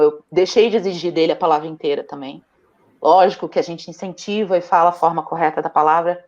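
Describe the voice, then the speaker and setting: Animated Brazilian mother on a muffled call. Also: on the low side. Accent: Brazilian Portuguese. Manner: animated storytelling, laughs often. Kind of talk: casual interview chat.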